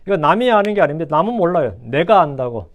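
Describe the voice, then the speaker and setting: A man's voice: fairly high pitch, very animated, quick pace. A male pastor preaching a sermon, repeating his phrases, asking rhetorical questions and dropping English phrases into his talk.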